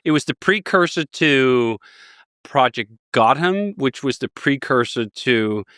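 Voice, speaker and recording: A man's voice: mid-range voice, lively intonation, slow, fairly bright tone, clear, resonant tone, dry recording, clean studio sound. A man in his forties from Denmark, a guest telling stories with enthusiasm in a casual interview. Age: 40s. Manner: enthusiastic, rambling storyteller.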